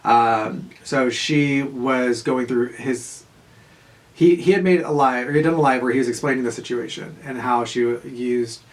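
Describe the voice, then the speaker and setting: Man, casual storytime vlog, mid-pitched, swears, rambles, laughs a lot. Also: measured pace. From Southern California. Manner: rambling, profane, laughs often, many fillers. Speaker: vlogger.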